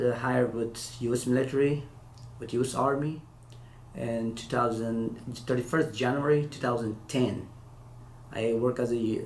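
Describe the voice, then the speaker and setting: A man from Afghanistan with a mid-range, darkish voice is an interview guest and former interpreter. He gives casual answers in non-native English that is hesitant, halting, and full of restarts. Echo and faint hiss are audible.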